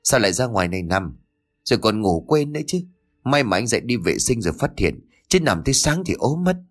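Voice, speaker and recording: A man voicing a stern, gruff middle-aged husband who scolds curtly and hides a cruel streak. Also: lowish voice, big pitch swings, fairly quick. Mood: soothing. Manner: scolding, curt.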